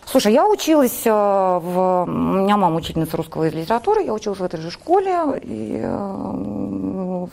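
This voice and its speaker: A woman in her forties from Saint Petersburg, chatting bluntly and quickly as a guest in a TV studio interview, swearing freely. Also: medium pitch, very animated, vocal fry, darkish tone. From Saint Petersburg, Russia. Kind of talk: casual TV interview chat.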